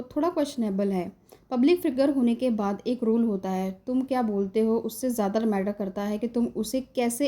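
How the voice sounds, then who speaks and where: Mellow-voiced woman narrating celebrity gossip. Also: fairly high pitch. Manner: mixes English phrases into Hindi, addresses viewers directly; dramatic storytelling build-up. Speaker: entertainment gossip channel host.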